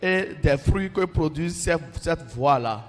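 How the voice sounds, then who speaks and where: A man preaching a sermon as pastor, emphatic and repetitive, pausing phrase by phrase for an interpreter. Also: on the high side, lively intonation. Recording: long hall reverb with faint music.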